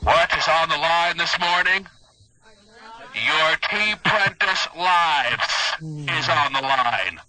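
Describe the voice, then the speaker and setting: A man's voice: on the high side, expressive, slow, sharp tone, rough recording. A man hosting a morning radio show, his voice run through an underwater gurgling filter, announcing in a mock-stern, dramatic way.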